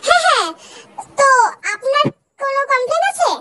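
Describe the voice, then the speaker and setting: A woman voicing a bossy young wife who answers angry phone calls with sharp, sassy comebacks, in a comic fan dub. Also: very high-pitched, animated, brisk, exaggerated voice, poor audio.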